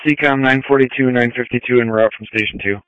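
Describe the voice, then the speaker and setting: A man's voice: mid-range voice, steady tone, fast talker, a little hiss or hum. A male ambulance crew member making terse, procedural calls over a two-way radio. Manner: clipped, procedural. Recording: dry, slightly narrow radio audio.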